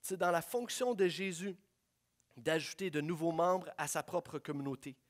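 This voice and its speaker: A man preaching a sermon, swinging from hushed prayerful lines to loud, excited storytelling. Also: fairly high pitch, normal speed. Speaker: pastor.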